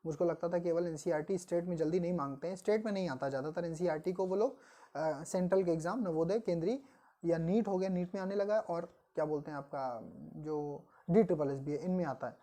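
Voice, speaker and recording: A woman teaching biology for an exam-prep class, reading English definitions slowly and explaining them in Hindi, asking the class questions and answering them herself. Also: on the low side, dark tone. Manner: addresses students as "beta". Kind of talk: online coaching lecture in Hindi mixed with English terms.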